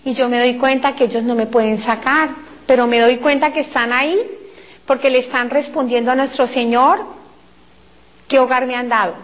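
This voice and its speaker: High-pitched Colombian woman preacher, emotional testimony, cries out her pleas. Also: steady tone, a little fast. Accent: Colombian Spanish. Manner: addresses listeners as brothers. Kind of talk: impassioned testimony talk.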